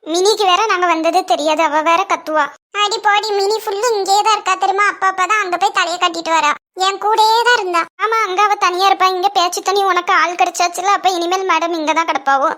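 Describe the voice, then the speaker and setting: A very high, bright voice carries this family cartoon, a woman voicing chatty young women and a fussing mother. She speaks with a Kanyakumari Tamil accent. Her tone moves between teasing, scolding and motherly. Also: steady tone, fast, hardly any pauses.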